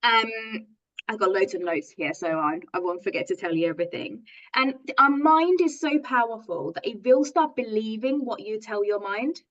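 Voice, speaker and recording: A woman's voice: medium pitch, lively intonation, moderate pace, fairly bright tone, lo-fi sound. A middle-aged woman from Finland, a native Finnish speaker, giving an online coaching masterclass in an earnest, enthusiastic way, with many fillers and restarts. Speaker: positive psychology coach.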